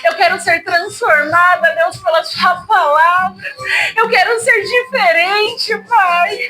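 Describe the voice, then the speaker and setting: A woman leads an emotional spoken prayer, tearfully pleading for forgiveness as her voice breaks. Her pitch is extremely high and her intonation fairly even, and she speaks slowly. The low-quality recording has soft guitar music playing behind her.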